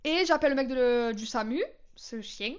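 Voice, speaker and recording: A woman's voice: a little high, normal speed, clear, resonant tone, dull audio. A young woman telling storytime anecdotes in a chatty, slangy, dramatic way. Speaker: vlogger. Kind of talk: casual storytime vlog.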